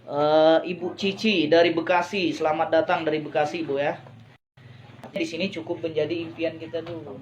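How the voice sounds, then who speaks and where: A man's voice: a little high, level tone, moderate pace, slight background noise. A man giving a persuasive business talk to a live online audience, often asking listeners whether they agree and repeating phrases for emphasis. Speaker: business motivational speaker.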